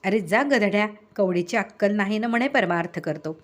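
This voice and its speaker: A woman reading the lines of a bold, rude man who taunts and insults, in a lively storytelling reading. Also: high-pitched, normal speed. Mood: taunting. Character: bold, rude young male provoker.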